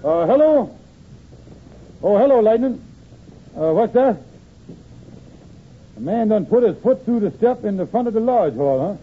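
A man's voice: high voice, lively intonation, measured pace, pauses often, husky, full character voice. A man playing a blustering, scheming henpecked husband in an old-time AM radio comedy, speaking a folksy ungrammatical dialect. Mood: matter-of-fact scheming. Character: blustering, henpecked lodge-leader husband, scheming and easily cowed. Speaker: comic actor. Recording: tinny, noisy old AM radio recording.

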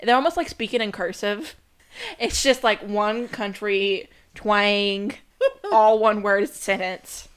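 A woman's voice: medium pitch, slow, clear, resonant tone. A woman co-hosting a podcast, chatting casually and laughing easily. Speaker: podcast co-host. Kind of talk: casual chat.

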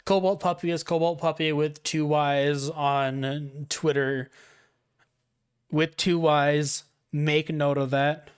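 A man's voice: a little high, little pitch movement, unhurried, hardly any pauses, smooth. A young man hosting a podcast in casual chat, rambling and self-mocking, laughing often. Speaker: podcast host.

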